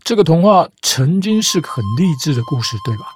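Over a guitar backing, a man hosting a podcast retells fairy tales, teasing and playful with a mock-reasonable air. His slightly high voice has a sing-song lilt and moves fairly quickly.

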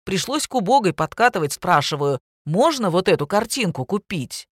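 A teenage boy full of slang and impatience, as a woman narrator puts him on. He gripes and complains in a quick, cheeky way. The recording is dry and close. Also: on the low side, very animated, dry recording. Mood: indignant. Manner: slangy, griping. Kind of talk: audiobook reading.

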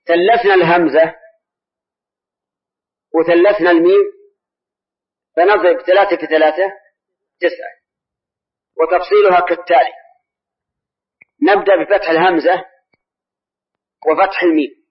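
A man teaching in a mosque lesson, speaking slowly and deliberately, repeating words and quizzing his listeners. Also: high-pitched, steady tone. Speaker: Islamic scholar answering questions. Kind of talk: mosque lesson, explaining grammar. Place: large mosque. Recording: dull lo-fi old recording.

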